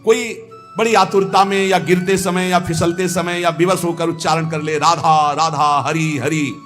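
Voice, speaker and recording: A man giving a devotional discourse, chanting verses slowly and then explaining them with fervour. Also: a little high, fairly bright tone. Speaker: spiritual preacher.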